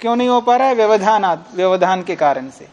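A man teaching a class on a classical philosophy text. He reads Sanskrit lines slowly, explains them in plain terms, and asks the class questions that he then answers himself. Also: high voice, lively intonation, darkish tone, muffled recording.

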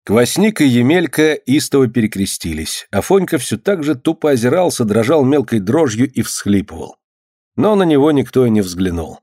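A man reading scripted narration of a story in a steady, even storytelling manner. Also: medium pitch, moderate pace, slightly rough, dry recording, clean studio sound. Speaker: audiobook reader.

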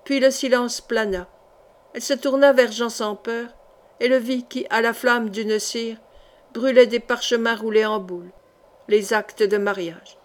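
A woman narrates an audiobook in a steady, measured reading voice. Her pitch sits somewhat high. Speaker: audiobook reader. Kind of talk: scripted narration of a novel.

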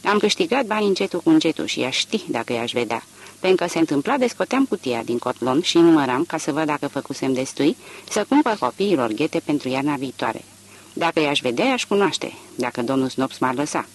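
Expressive man reading a novel aloud. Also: a little high. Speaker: audiobook narrator. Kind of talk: literary audiobook reading.

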